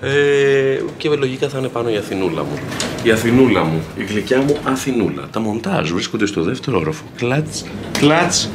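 Walking to the control room at the TV station where he works as a video editor, a man vlogs his day into a handheld camera, keeping the chat casual and full of playful jokes. He speaks at a medium pitch in an animated way, with noise around him.

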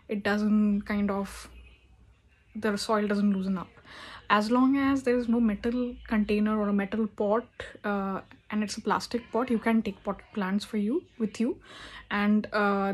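A young woman talking casually into a phone camera at home, explaining plant care with frequent hesitations and fillers. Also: mid-range voice. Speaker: plant vlogger. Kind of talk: casual how-to vlog. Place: indoor room at home. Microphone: phone camera at arm's length.

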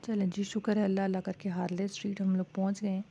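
Speaking fast in a dark, breathy mid-range voice with little pitch variation, this Pakistani vlogger narrates a night trip to a bazaar and then her time at home. She's chatty and keeps saying "ji" to her audience. Faint street sounds sit under the dull, lo-fi phone recording.

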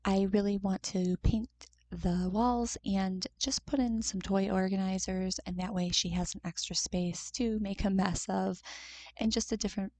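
A woman's voice: medium pitch, steady tone, moderate pace, mellow. A young woman chatting casually in voice-over about cleaning her home. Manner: chatty, easily disgusted, upbeat. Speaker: cleaning vlogger.

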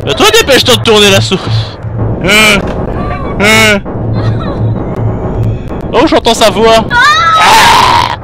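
A man with a very high voice yelling through a horror game, panicky and bossy toward his teammate. game music plays loudly behind his desk mic. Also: slow pace, pauses often, a loud crowd. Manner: excitable, shouts and bosses his partner. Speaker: let's play gamer. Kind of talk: panicked gameplay commentary.

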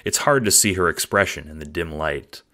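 A man's voice: sits low, moderate pace, sharp tone. A man narrating a scripted audio drama in the second person, with a descriptive storytelling manner.

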